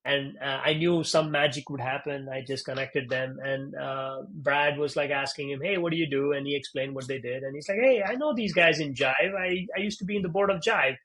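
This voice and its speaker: A man from India talks through his startup story as an interview guest. His voice sits a little higher than most men's. He tells it animatedly and acts out the back-and-forth of conversations. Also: brisk, hardly any pauses. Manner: animated, acts out quoted dialogue, frequent "you know" and "right?".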